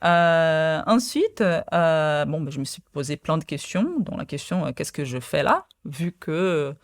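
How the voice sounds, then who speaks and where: This hesitant woman, a Brazilian quantum physicist whose first language is Portuguese, is being interviewed as a podcast guest and keeps using fillers and restarting. She has a low voice and a measured pace, captured with clean studio sound and no room sound.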